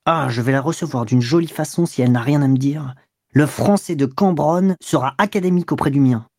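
A reader doing a curt, scornful lover. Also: male voice, on the high side, brisk, a little mellow, dry recording, studio quality. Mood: grumbling. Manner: brusque, sneering. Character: curt, scornful young man, a cynical lover.

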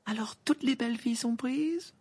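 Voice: mid-range voice, lively intonation, a little fast, gravelly, a little mellow, husky, voice pushed up, full character voice. A reader voicing a haughty, clever teenage witch with acid retorts, in an amateur audiobook reading.

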